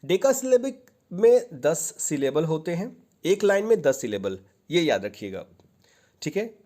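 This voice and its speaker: A man's voice: fairly high pitch, very animated, measured pace, warm tone. A male teacher giving an exam-prep lecture, patiently explaining and repeating key points, mixing English terms into his Hindi. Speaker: literature teacher.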